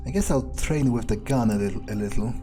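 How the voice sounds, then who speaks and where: With soft music in the background, a man in a mellow, medium-pitched voice talks a little fast as an arrogant, scheming vampire over gameplay. In character, he mutters profane, scornful remarks to himself.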